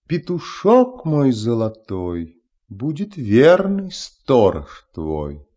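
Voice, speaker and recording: A man's voice: mid-range voice, wildly swooping pitch, drawn-out words, dark tone, heavily acted. A man voicing an old male wise stargazer in a verse fairy tale, speaking in a solemn, instructive way.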